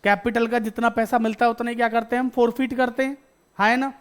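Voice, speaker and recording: A man's voice: very high-pitched, little pitch movement, fast talker. A male teacher, giving a classroom lecture. He fires questions at the class, repeats each point, and answers himself before moving on. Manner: addresses students as beta.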